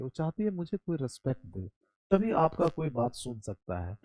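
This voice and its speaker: A man's voice: a little high, dark tone. A man teaching a spoken English grammar lesson. He explains step by step, asks his students questions and answers them himself, and spells words out letter by letter. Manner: calls the listener "brother".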